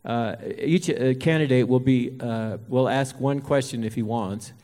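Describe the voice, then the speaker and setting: A man moderating a local candidates forum in a folksy, halting way, with many pauses and fillers. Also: mid-range voice, dark tone. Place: auditorium hall. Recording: reverberant hall.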